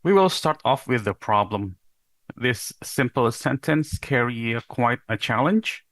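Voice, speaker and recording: A young Indonesian man gives an animated, recorded conference talk as a PhD researcher, explaining in a measured way and now and then asking a rhetorical question. His voice is medium-pitched with a fairly bright tone, and there's no echo.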